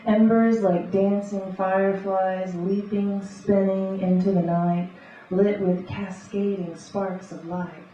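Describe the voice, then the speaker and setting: A woman reading beatnik spoken-word poetry live, in rhythmic, deliberate, short clipped phrases. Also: medium pitch, level tone, mellow. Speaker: poet and conceptual artist. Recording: echoey live room, distant muffled mic, faint noise.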